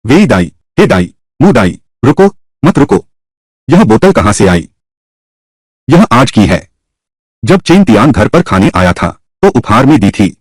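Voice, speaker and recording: Husky man dubbing every role. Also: sing-song, measured pace, dry recording. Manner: voices every character himself with shifting pitch. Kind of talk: single-voice dub of a drama.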